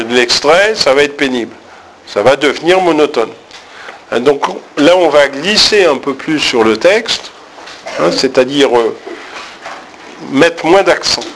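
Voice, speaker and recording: In a French diction and text-reading lesson, a man explains where stress should fall and acts out lines with heavy emphasis to demonstrate it. His voice is fairly high and fairly bright. The recording is low quality, with slight background noise.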